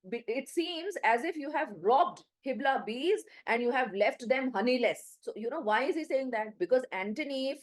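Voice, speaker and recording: A woman's voice: high-pitched, poor audio. A woman teacher with an Indian English accent, explaining a play line by line, reading quotes and paraphrasing them with many fillers. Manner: reads quotes then paraphrases in plain words, many "uh" and "you know".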